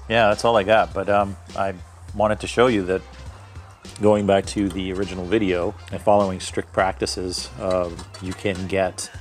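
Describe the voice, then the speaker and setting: Man, low deep voice, casual tasting vlog, rambling, self-correcting, faint music underneath. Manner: thinks aloud, corrects himself mid-sentence; describes aromas and flavors in detail. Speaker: homebrewer reviewing his own beer.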